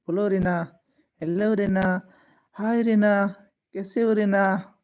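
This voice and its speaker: A man with a high voice chats casually on a live stream, taking his time over each word. He greets viewers one by one and teases them playfully as he reads out their comments. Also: fairly even intonation, slow, darkish tone, clear, resonant tone.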